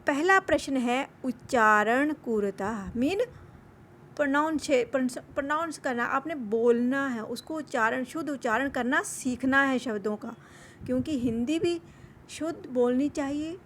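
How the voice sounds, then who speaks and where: A woman's voice: high-pitched, measured pace, fairly bright tone, slight background noise. A woman teaching an online lesson, repeating each word for pronunciation and mixing English words into her explanations.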